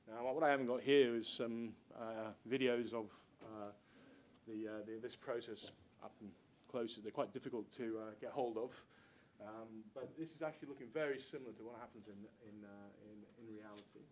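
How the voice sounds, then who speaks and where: A middle-aged man who is a university researcher, giving a conference presentation in an informal, hesitant, halting way. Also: mid-range voice, slight background noise, poor audio. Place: lecture room with seated audience.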